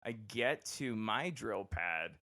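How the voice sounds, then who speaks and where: A young man casually telling a personal story on a podcast, animated and quick to act out the people he quotes. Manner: animated, acts out quoted voices with big pitch jumps. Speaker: podcast host.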